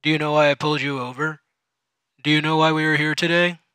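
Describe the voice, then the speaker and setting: A man voicing an overly chummy, pushy male office supervisor who talks loudly and patronizingly. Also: fairly high pitch, little pitch movement, fast, clean tone, no echo. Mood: overbearing. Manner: loud, overexcited, patronizing.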